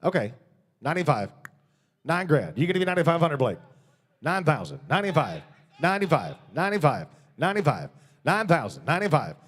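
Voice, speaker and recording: Very fast male auctioneer chant. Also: on the high side, sing-song, a bit bright, breathy edge. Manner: rapid-fire repeated filler phrases and numbers.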